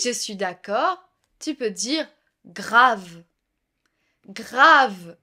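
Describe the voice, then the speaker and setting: A woman teaching everyday expressions, saying each phrase slowly and clearly and repeating it in short example dialogues. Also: sits high, a bit bright. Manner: slow careful model pronunciation, repeating each phrase. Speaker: French teacher. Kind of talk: language lesson with spoken example dialogues.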